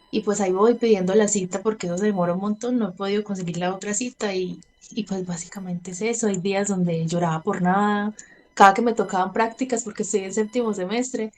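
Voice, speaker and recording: Candid Colombian woman in her thirties. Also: mid-range voice. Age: 30s. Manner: candid, laughs between sentences, acts out her own past words. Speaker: interviewee. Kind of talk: personal testimony in conversation.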